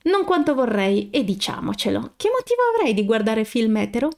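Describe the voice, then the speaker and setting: A woman's voice: on the high side, big pitch swings, a little fast, gravelly. A woman voicing a bold, playful young woman who teases with mocking mischief, read in an audiobook.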